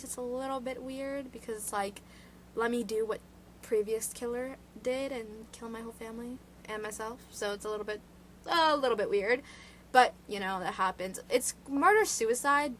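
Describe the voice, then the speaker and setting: A woman's voice: on the high side, a bit bright, slight background noise, low-quality recording. A woman vlogger casually retelling true crime cases in a rambling way, full of "like" fillers and side chatter, recorded indoors. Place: indoor room.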